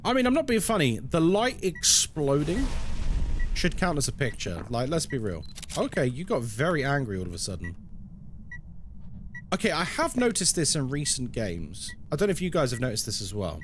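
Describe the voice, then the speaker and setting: Animated higher-voiced male game streamer. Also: normal speed, a little hiss or hum. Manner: playful, tongue-in-cheek banter. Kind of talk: casual chat and game commentary to viewers.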